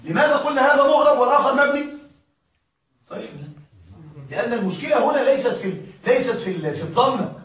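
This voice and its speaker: A male grammar teacher gives a classroom lesson in a very high, expressive voice that is fast and a bit bright. He keeps pausing to check that his students are following, asking again and again. The room is echoey and his voice sounds far away.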